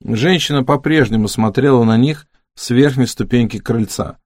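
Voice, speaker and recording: A man reading an audiobook in a measured, steady narrating voice. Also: mid-range voice, no room sound, studio quality. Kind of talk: scripted narration.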